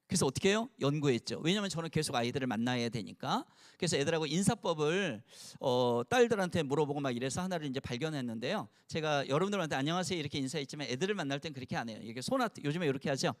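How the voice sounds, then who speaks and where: Casting: man in his 60s, pastor, fairly high and very animated voice, playful and engaging with the crowd. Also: racing, hardly any pauses. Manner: animated, playful, has the audience repeat phrases. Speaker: pastor and longtime teacher. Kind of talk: sermon to a mothers' gathering. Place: church, before a live audience.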